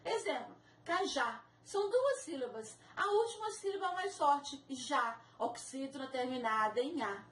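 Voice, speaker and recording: High-voiced teacher woman, echoey. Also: sing-song. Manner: slow, careful, spells out examples. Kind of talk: recorded video lesson. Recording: echoey room, mic at a distance.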